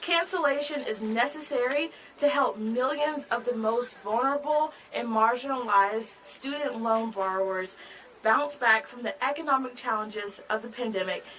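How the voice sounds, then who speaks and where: A woman's voice: on the high side, a bit bright, rough recording. A woman MC delivering a prepared rally speech in a formal, emphatic, projected manner. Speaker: rally MC and advocate. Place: outdoor rally, speaking to a crowd.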